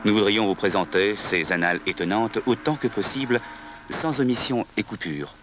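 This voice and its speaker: Deep-voiced man narrating a historical documentary. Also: normal speed, fairly bright tone, slight background noise.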